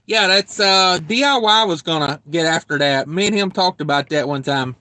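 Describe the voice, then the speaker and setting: A man's voice: on the high side, normal speed, bright, forceful tone. A man hosting a casual trucker livestream, rambling and joking as he reads viewer comments aloud. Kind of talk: casual live-stream chat.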